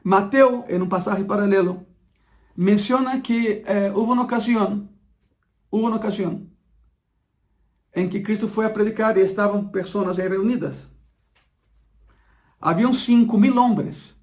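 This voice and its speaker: A man delivers a sermon emphatically, repeating key phrases slowly so the congregation can absorb them. His voice sits high and sounds a little mellow.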